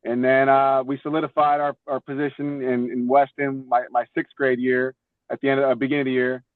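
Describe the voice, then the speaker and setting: Over tinny audio that sounds like a phone call, a young Florida man who used to play baseball tells stories as a podcast guest. He talks fairly quickly with medium pitch and a level tone, casual and informal, frequently repeating words, and the recording is dry.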